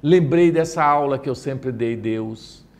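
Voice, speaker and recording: A man's voice: medium pitch, measured pace. A middle-aged man with a Brazilian accent, giving a spiritist talk as an emotional personal testimony, full of restarts. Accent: Brazilian Portuguese. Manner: emotional, vivid storytelling with many restarts. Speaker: lecturer at a spiritist center.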